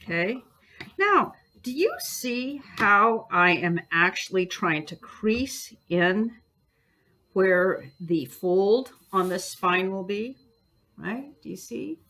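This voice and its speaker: Her voice sits at medium pitch, pushed and bright, animated even as she takes things slowly. She's an art teacher leading a bookbinding class, guiding students step by step with chatty encouragement and humming or singing as she goes.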